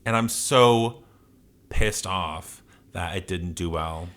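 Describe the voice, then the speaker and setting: A man's voice: sits low, takes it slowly, a bit bright. A man co-hosting a podcast, chatting casually in a rambling, opinionated rant with plenty of swearing. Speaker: podcast co-host. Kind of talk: casual ranting podcast chat.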